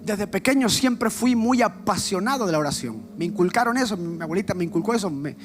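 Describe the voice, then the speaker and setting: High-voiced man preaching over music. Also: lively intonation, fairly quick. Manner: passionate, direct, addresses listener as brother. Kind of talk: sermon. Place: church. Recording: with background music.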